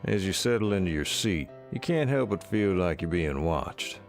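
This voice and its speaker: A man giving steady, measured second-person scripted narration for a western game. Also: low-pitched, faint music behind. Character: calm male storybook narrator of a western, adult.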